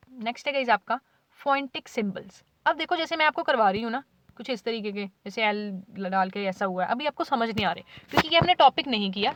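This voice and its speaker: Patient woman tutor, fairly high voice. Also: no room sound. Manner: explains patiently, repeats "ठीक है" often, sounds out example words. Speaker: teacher. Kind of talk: whiteboard lecture in Hindi with English terms.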